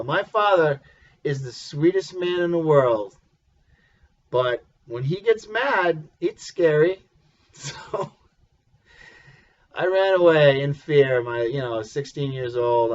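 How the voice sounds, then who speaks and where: A man tells a family story slowly, chuckling and stumbling over restarts as he goes. His pitch sits in the middle range. The recording sounds dull and lo-fi. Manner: chuckling, halting, with many restarts. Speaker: vlogger. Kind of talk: casual personal storytelling.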